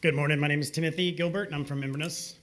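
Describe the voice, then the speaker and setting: A man's voice: on the high side, steady tone, very fast, a bit bright. A man giving an impromptu public comment, confrontational and emphatic, repeating his points for stress.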